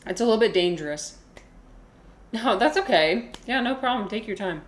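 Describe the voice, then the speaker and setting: A woman's voice: mid-range voice, animated, normal speed. A woman game streamer chatting casually with viewers as she plays, in a playful, offhand, easily sidetracked manner. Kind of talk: casual gameplay chat with viewers.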